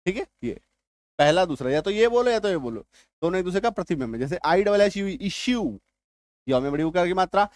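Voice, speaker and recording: A man teaching English spelling and pronunciation in Hindi, going slowly, repeating words and often checking whether his viewers understood. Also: high-pitched, lively intonation, a little mellow, dry recording. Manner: slow and repetitive, often checking that viewers follow. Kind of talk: spoken Hindi spelling lesson.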